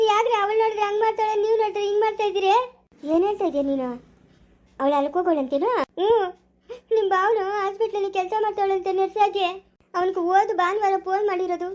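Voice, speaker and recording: A woman's voice: very high-pitched, darkish tone. A woman playing a wronged young wife and mother in a village family drama, speaking, tearful and bitter, repeating her refusals.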